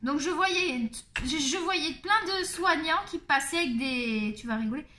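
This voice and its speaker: A woman's voice: sits high, a little slow, sharp tone. A middle-aged woman hosting a coloring video, chatting casually and candidly as she colors, rambling with many fillers. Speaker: coloring channel host. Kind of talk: casual chat while coloring.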